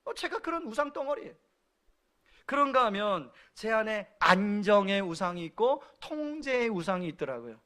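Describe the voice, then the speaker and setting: A male pastor in his forties delivers a sermon in a high voice. He talks in a relaxed, conversational way, sharing stories from home. Now and then he stops to put questions directly to the congregation. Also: normal speed.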